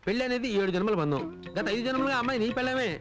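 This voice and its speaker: A high-pitched, quick-tongued priest who spins wild tales of past lives. He rattles on at a fast clip, with film music running underneath. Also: animated. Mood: scheming. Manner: rapid scheming patter. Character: scheming bumbling male astrologer priest. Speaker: astrologer priest Sastri. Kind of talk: Telugu film comedy acting.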